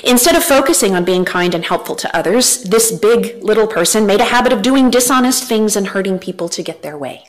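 A woman in her thirties gives an earnest church talk from a lectern, speaking into a headset mic with a mid-range voice. She talks a little fast with few pauses, gesturing animatedly and varying her emphasis.

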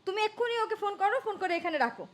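A woman's voice: extremely high pitch, animated, rapid-fire. A woman playing a wronged older sister and wife in a short-film drama who questions and confronts others indignantly. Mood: demanding. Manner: indignant and demanding.

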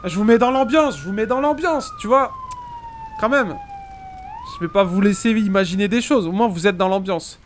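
A man's voice: high-pitched, huge pitch swings, normal speed, a little hiss or hum. A young man hosting casual gameplay commentary, exclamatory and slangy, speaking straight to his viewers. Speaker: gaming video host. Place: small indoor gaming room.

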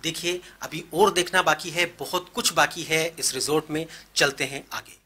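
A man's voice: fairly high pitch, moderate pace, background noise. A man reporting and interviewing for TV, enthusiastic and polite, with a handheld mic. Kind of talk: TV presenting and interviewing.

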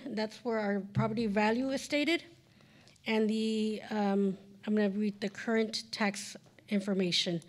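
Standing at the podium mic in a big council chamber, this woman in her forties, a school district finance officer, works through budget figures for a board hearing, stumbling over fillers and correcting herself often. Her voice is mid-range and darkish.

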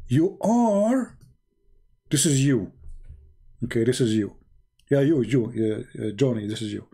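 Sarcastic man with a mellow voice. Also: mid-range voice, lively intonation, unhurried, husky. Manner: sarcastic, mock-naive questioning; broken, non-native English grammar. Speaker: online commentator. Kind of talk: mocking monologue.

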